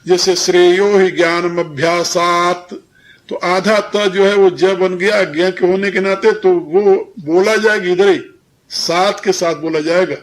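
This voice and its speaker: Man, older, high voice, slow, didactic, spiritual discourse. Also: fairly even intonation. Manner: slow, didactic, repeats and drills words, chuckles. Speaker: spiritual teacher. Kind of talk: devotional discourse on Sanskrit pronunciation.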